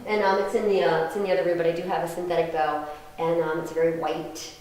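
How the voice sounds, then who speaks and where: A woman's voice: on the low side, flat delivery, fast, darkish tone. A woman violinist chatting casually with a live audience between pieces, laughing and telling stories. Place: house concert venue with audience. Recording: echoey room.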